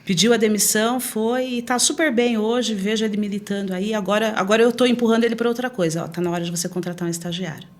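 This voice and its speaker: A middle-aged woman with a Brazilian São Paulo-area accent, chatting as a guest in an interview and telling animated stories with frequent laughs. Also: mid-range voice, fast talker, hardly any pauses. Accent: Brazilian Portuguese, São Paulo area. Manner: animated storyteller, laughs often. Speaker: guest, bar association president. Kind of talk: casual interview chat.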